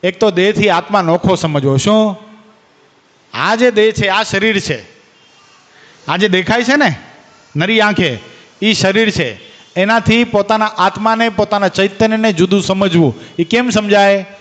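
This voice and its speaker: Male preacher, higher voice, quizzes the crowd by name, long reverb. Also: unhurried, pauses often, fairly bright tone. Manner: questions and teases listeners by name. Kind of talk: devotional discourse to a gathering.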